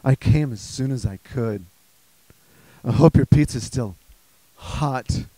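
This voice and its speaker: A man voicing a flirty woman delivery driver in a low, purring put-on voice during a stand-up bit. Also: takes it slowly, warm tone, low-quality recording. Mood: seductive.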